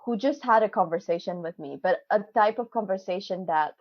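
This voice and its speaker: A woman in her twenties with a medium-pitched voice answers interview questions briskly over a video call, with no room sound and dull, dry audio. She's a PhD student whose first language isn't English, chatty and quick to laugh, with frequent fillers and restarts.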